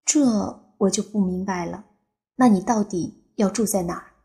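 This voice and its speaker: A woman's voice: mid-range voice, unhurried, warm tone, close to an everyday voice. A woman doing an eager pleading man suitor. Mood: flustered. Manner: eager, pleading, gets flustered. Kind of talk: audiobook character voice.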